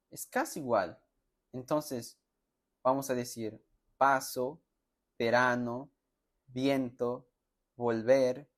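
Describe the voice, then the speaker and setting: A man teaching a pronunciation lesson, slowly sounding out example words and syllables for learners to repeat, with friendly check-in questions. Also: medium pitch. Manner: slow, deliberate, sounds out words and syllables for repetition; friendly, addresses students directly with check-in questions. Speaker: Spanish teacher.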